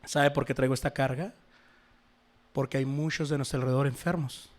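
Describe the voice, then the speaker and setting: A man preaching a sermon to his congregation, swinging between loud exhortation and soft asides. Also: mid-range voice, steady tone, brisk. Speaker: pastor.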